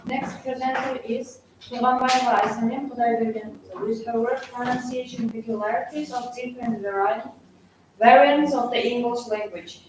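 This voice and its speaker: A woman chairing a session, formally announcing the next presenter. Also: a little high. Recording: echoey hall, noisy, far from mic.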